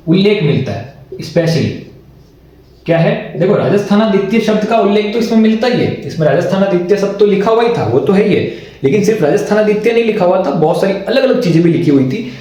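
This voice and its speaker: A man gives an exam-prep history lesson and talks in a slightly high voice. He repeats each point and answers his own questions. The recording sounds very echoey, as if made in a bare room. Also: a little mellow. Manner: repeats points and asks himself questions, often adding "ठीक है". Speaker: teacher.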